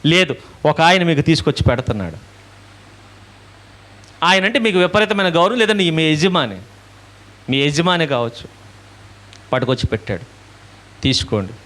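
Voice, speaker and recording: Guy preaching, kinda high voice, asks stuff then answers it himself. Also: very animated, moderate pace, pauses often, a bit bright. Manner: asks questions and answers them himself, acting out little dialogues. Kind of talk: sermon.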